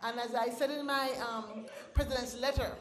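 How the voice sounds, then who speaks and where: A woman's voice: on the high side, fairly even intonation, moderate pace. Woman speaking at an echoey awards ceremony. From Caribbean. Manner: rhythmic, chanting, sing-song delivery. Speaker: founder and president, awards host. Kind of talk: ceremony speech with poetry recital. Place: banquet hall at an awards ceremony. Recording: echoey banquet hall.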